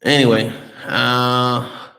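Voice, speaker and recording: With a mid-range, gravelly and sharp voice, this American man draws out his words and keeps his pitch fairly flat. He's reading live chat on a stream, answering bluntly with lots of swearing and restarts, and the recording echoes around the room.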